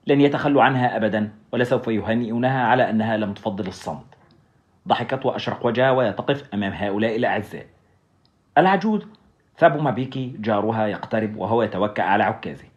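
Guy reading a story out loud, dramatic, pretty fast, muffled lo-fi recording. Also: medium pitch. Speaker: narrator. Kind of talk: audiobook narration. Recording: dull lo-fi recording.

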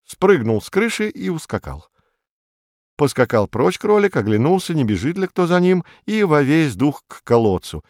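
A man reading a folk tale aloud in an expressive storytelling voice. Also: fairly high pitch, normal speed, no room sound, studio quality.

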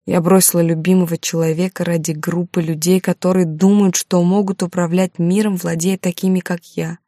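A woman's voice: lowish voice, little pitch movement, brisk, dark tone, dry recording, clean studio sound. A woman narrating a first-person novel in an emotional, dramatic way. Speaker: audiobook narrator.

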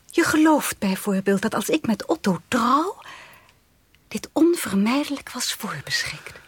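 A highly strung young woman for a radio drama, quick to alarm and prone to tender, breathy whispers. Her voice sits high. She sounds fragile and overwrought. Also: lively intonation, full character voice. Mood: pensive. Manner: emotional, soft and breathy, often whispering. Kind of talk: 1980s radio drama acting.

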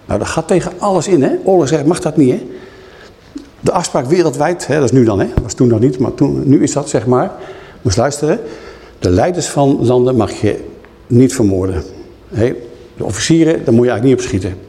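Man, sermon, chatty preaching, mellow dark voice, long hall reverb. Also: mid-range voice, expressive, fairly quick. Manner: conversational, frequent tag questions.

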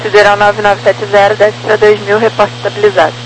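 A woman's voice: medium pitch, monotone, fairly quick. A woman with a Brazilian accent giving clipped radio instructions as an approach air traffic controller. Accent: Brazilian Portuguese. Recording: humming, noisy aviation radio.

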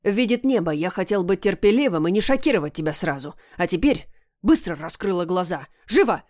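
A woman's voice: lively intonation, fairly quick, a little mellow, dry recording, studio quality, close to an everyday voice. A woman voicing a rude, grumpy male talking cat that screeches and snaps in an audiobook. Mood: snarling. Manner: shrill, screeching and snappish. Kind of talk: audiobook character voice.

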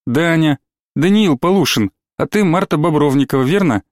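A man reading an audiobook, voicing a calm, friendly young man. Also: a little high, normal speed, dry recording, studio quality, close to an everyday voice. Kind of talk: audiobook character voice.

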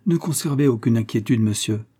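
An old village priest speaks with firm, commanding authority, as a man reading a storybook puts him on. The tone is mellow and dark. It carries a light husk. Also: mid-range voice, a little fast, slightly rough, natural voice.

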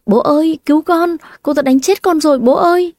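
A woman voicing a scheming young adopted daughter, with a whiny, shrill manner. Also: expressive, fairly quick, mellow, no room sound, clean studio sound. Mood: wailing. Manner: whining, shrill when pleading.

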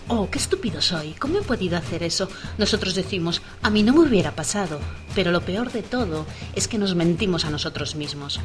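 A woman's voice: medium pitch, natural voice. A woman doing a wry self-mocking promo voice. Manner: ironic, mock-confessional. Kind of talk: comic scripted promo.

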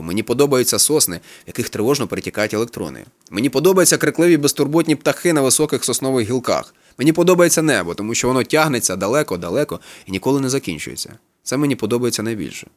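Guy reading a novel aloud, quick pace, mid pitch. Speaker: audiobook reader. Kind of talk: literary narration.

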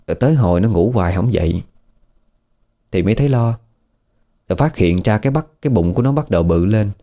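A warm, lowish male voice with a Southern Vietnamese accent tells a horror story in an informal, chatty manner, frequently turning questions toward the listener.

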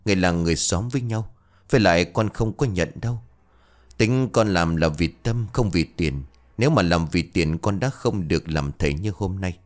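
A man playing a gentle village exorcist. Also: deep voice, normal speed, lightly acted. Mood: consoling. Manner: gentle, consoling, polite. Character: kind young village exorcist, modest and earnest.

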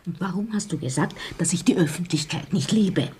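An actress playing the timid, meek wife of a councillor, speaking softly and hesitantly. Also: female voice, fairly low pitch, a little fast, slight background noise, natural voice.

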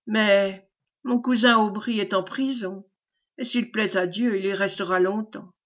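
A woman's voice: mid-range voice, fairly even intonation, measured pace, natural voice. A woman reading the part of a brash, greedy male knight who talks boisterously and commandingly, on a dull lo-fi recording.

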